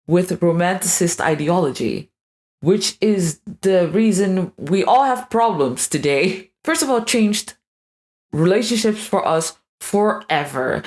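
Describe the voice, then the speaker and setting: Irreverent, low-pitched woman vlogger. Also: a little mellow. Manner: irreverent, sarcastic, crude asides. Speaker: video creator. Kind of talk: scripted monologue.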